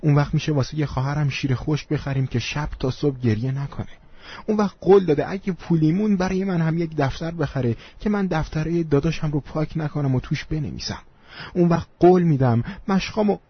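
A man's voice: fairly high pitch, husky, pitched above the performer's own voice. A man voicing a poor, timid schoolboy who pleads in a trembling voice, in a dull lo-fi audio story. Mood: pleading.

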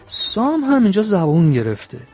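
A man teaching classical epic poetry, chanting verses in a measured cadence and then explaining them in quick, casual speech. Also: high voice, wildly swooping pitch, dark tone, husky. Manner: chanted, measured verse recitation alternating with quick conversational paraphrase.

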